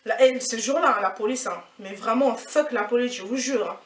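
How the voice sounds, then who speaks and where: Young woman, casual storytime, indignant and animated, slightly high voice, roomy distant sound. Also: normal speed. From France. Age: 20s. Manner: indignant, animated, repetitive slangy retelling. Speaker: vlogger. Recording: echoey room, mic at a distance.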